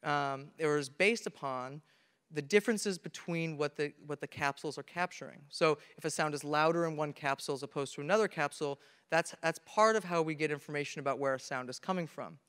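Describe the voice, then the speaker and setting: Speaking briskly, this young man has a high-leaning, fairly bright voice that's clear and resonant. He delivers a technical talk on stage with a handheld mic, earnestly walking through each step and frequently starting sentences over, captured by a camera in a big, reverberant conference hall full of listeners.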